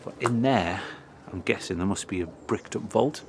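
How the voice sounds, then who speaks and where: A man's voice: on the low side, moderate pace. A middle-aged man walking a churchyard for his history vlog, talking with enthusiasm and reading old inscriptions aloud. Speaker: history vlogger. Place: outdoor churchyard. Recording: noisy outdoor recording with birds.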